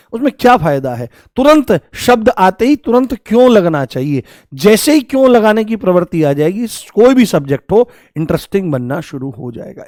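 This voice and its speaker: Male teacher, high voice, repetitive quizzing, drills pronunciation, dry close recording. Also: a little mellow, no room sound. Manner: repeats key points and quizzes students with questions; addresses students affectionately and drills pronunciation aloud. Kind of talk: live online exam-prep class.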